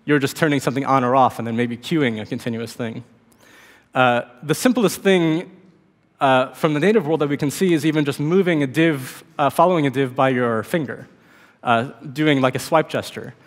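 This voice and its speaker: A man in his thirties, a little hoarse from a cold, delivers a technical conference talk from a podium on a large hall's stage, where long reverb colours the sound. His middling pitch is comfortable and his pace moderate, and he speaks relaxedly with plenty of fillers and restarts.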